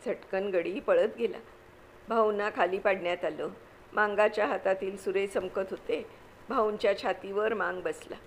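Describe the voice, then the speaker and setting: A woman reading a classic novel aloud with measured, expressive storytelling. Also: medium pitch, slight background noise, rough recording. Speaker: narrator.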